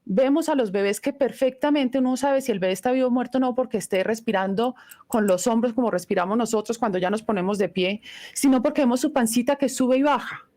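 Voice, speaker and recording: A middle-aged Italian-speaking woman leads an online voice class in real time, unhurried and reflective in how she teaches. She has a fairly high pitch and a darkish tone.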